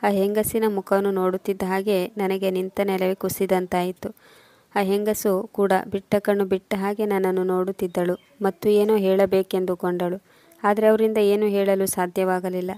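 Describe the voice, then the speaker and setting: Woman storyteller, flat measured reading, mellow dry close-mic sound. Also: mid-range voice, no echo. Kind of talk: first-person story narration.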